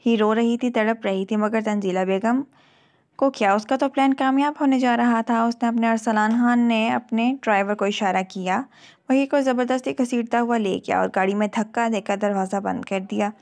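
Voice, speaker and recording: Brief: woman narrator, a touch high-pitched, reading a novel aloud in an emotive, dramatic way. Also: fairly even intonation, a little mellow. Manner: emotive, storytelling. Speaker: novel reader.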